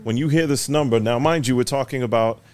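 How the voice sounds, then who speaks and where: A man's voice: medium pitch, fast talker. A man hosting a casual interview, playful and teasing, laughing easily with his guest. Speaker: podcast host.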